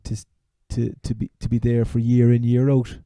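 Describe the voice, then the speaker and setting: Very dark, mellow-voiced Cork man chatting. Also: medium pitch, little pitch movement, normal speed, dry recording, studio quality. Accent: Cork, Irish. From Ireland. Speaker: sports podcast co-host. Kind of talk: casual sports chat.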